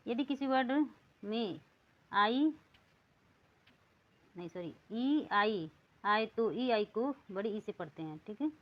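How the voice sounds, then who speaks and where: A woman teaching English reading rules, saying words one at a time and repeating them slowly. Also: medium pitch, muffled recording. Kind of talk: lesson.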